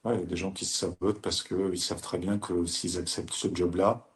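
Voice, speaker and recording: A man's voice: low voice, little pitch movement, a little fast. A man in casual conversation, agreeing and adding examples, with hesitant fillers. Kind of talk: casual chat. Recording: roomy echo.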